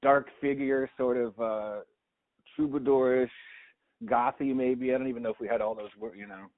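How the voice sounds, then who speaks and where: A man's voice: mid-range voice, steady tone, normal speed. A man hosting a casual interview, joking and chuckling with his guest. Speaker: podcast host. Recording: tinny phone-like sound.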